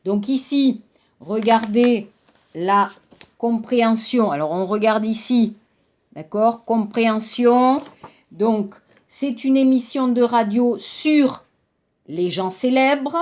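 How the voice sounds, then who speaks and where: A woman's voice: fairly high pitch, slow pace, darkish tone. A woman from France teaching a French class, explaining patiently and repeating phrases, with a few Korean words mixed in.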